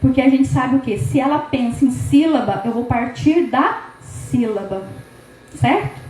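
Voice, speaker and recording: A woman's voice: sits high, a little slow, darkish tone, reverberant, a little hiss or hum, low-quality recording. A woman with a Brazilian Portuguese accent giving a lecture to teachers, asking rhetorical questions and sounding out syllables as she explains. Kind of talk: education lecture.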